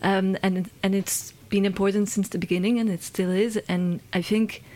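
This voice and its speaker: A woman from London talks as a guest in an interview, speaking at a middling pitch. She hesitates often, restarting her phrases and filling gaps. Her intonation stays flat. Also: moderate pace. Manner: hesitant, with frequent fillers and restarts. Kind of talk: conversational interview.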